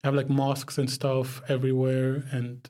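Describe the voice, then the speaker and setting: Speaking at a moderate pace in a mid-range, mellow monotone, this young adult from Pakistan guests on a podcast. The conversation is casual and thoughtful, punctuated by frequent bursts of laughter.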